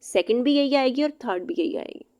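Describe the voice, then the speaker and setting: A woman teaching English vocabulary, reading each English example slowly and then explaining it briskly, sometimes spelling words out letter by letter. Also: sits high, animated, warm tone. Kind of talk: vocabulary lesson explained in Hindi-Urdu.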